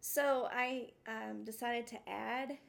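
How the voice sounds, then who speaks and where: A woman's voice: fairly high pitch, steady tone, takes it slowly, gravelly, a bit bright. A woman from West Texas with a drawling twang, telling stories casually as a podcast guest. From West Texas, United States. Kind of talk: casual interview storytelling.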